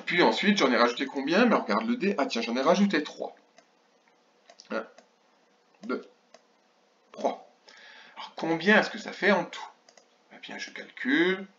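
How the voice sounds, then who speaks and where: A man's voice: on the high side, animated, unhurried, pauses often, a bit bright, a little hiss or hum. A man teaching young children in a remote lesson, counting aloud and sounding out syllables carefully. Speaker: kindergarten teacher. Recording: dull lo-fi recording.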